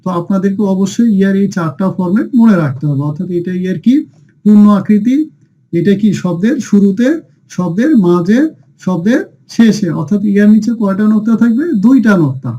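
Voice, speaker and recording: In a brisk Quran reading class, the male teacher, whose voice is high and mellow, poses questions, gives the answers himself, and gets the group to chant letter names along with him. Sound quality is lo-fi and dull.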